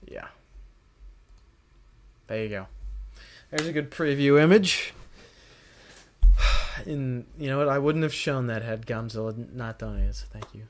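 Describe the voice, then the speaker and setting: A man on a casual live stream, chatting loosely and directly to his viewers. He rambles in a mid-pitched voice, restarting and correcting his sentences as he goes. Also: unhurried, pauses often, slight background noise. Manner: rambling, self-correcting, talks straight to viewers. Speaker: livestream host.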